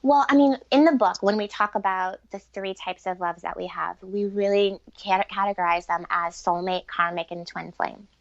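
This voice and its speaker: Speaking at normal speed with hardly any pauses, a middle-aged woman with a gravelly mid-range voice answers podcast questions as a guest. She's a relationship author and coach, earnest, reflective and casual, recorded with no room sound in dull, lo-fi audio.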